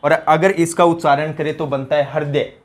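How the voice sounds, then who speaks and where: Speaking at a normal pace in a steady, somewhat high voice, this male teacher runs a Hindi spelling class aimed at exam candidates. He keeps quizzing the room with rhetorical questions he then resolves on his own, and he tosses in humorous remarks in local dialect.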